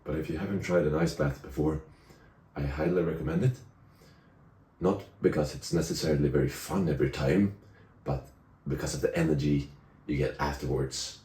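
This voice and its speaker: Very deep-voiced young man. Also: dark tone. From Sweden. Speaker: vlogger. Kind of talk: casual reflective vlog talk to camera.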